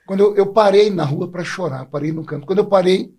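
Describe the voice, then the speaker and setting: A preacher from Brazil speaks quickly in a high, slightly mellow voice with a gravelly, husky texture. Telling his personal faith story with deep sincerity, he lets his voice catch with emotion.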